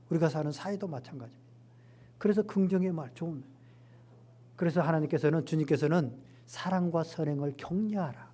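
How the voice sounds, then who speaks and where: A middle-aged man preaching a Sunday sermon as pastor, animated and acting out quoted lines with rising emphasis. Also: fairly high pitch, slightly rough.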